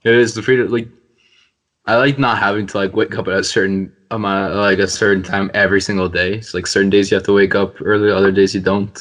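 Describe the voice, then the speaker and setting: Young guy with a lowish voice joking around on a podcast, teasing his buddies. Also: little pitch movement, fast talker, fairly bright tone. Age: young adult. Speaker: podcast host. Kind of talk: casual chat.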